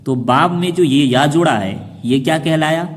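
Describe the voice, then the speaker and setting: Male teacher for children, who quizzes and then answers himself and draws out each sound; slightly high voice in a reverberant space. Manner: asks questions and then answers them himself, slowing down to spell out syllables. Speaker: Quran reading teacher. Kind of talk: explaining a lesson to children.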